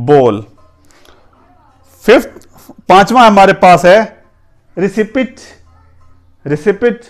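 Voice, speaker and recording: Higher-voiced man teaching pronunciation. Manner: repeats words slowly, spells them letter by letter; religious greeting opening. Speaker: English teacher. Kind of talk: pronunciation lesson.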